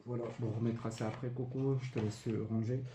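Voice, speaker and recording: A dark-toned man of medium pitch talks quickly in a level tone, showing off retro video games he bought. Chatty and full of fillers, this collector vlogger lists items and prices in a casual show-and-tell. The room is echoey, with faint background noise.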